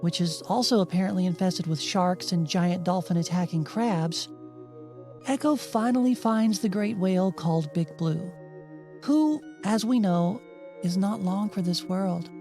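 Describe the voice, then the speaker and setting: Hosting a video game retrospective, a woman reads scripted narration like an audiobook, slipping in dry, sarcastic, wry remarks. Her voice is lowish, dark and unhurried, set over music.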